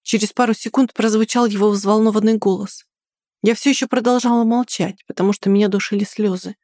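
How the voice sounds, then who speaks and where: A woman reading a first-person story aloud in a quiet, restrained way. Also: medium pitch, fairly even intonation, fairly quick, no room sound, studio quality. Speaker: audiobook narrator.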